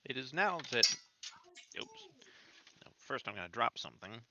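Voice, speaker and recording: A man narrating as game master of a tabletop game, relaxed and self-deprecating. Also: medium pitch, moderate pace, highs cut off, noisy background.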